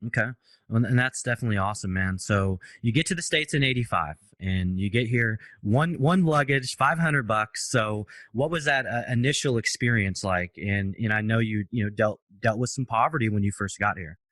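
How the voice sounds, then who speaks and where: A man's voice: lowish voice, moderate pace, fairly bright tone, no echo. A man hosting a podcast, asking long, friendly, rambling questions. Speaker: podcast host. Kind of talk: casual interview questions.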